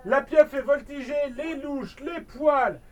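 A man with a very high voice reads a children's story aloud in a relaxed way, slipping in joking asides. He sits some distance from the microphone. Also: slow pace, highs cut off. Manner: jokey asides to the listener.

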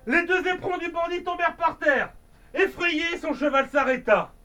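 A man's voice: very high-pitched, normal speed, bright, forceful tone, far from the mic. A father reading a children's storybook aloud at home, playful, adding sound effects and dramatic asides.

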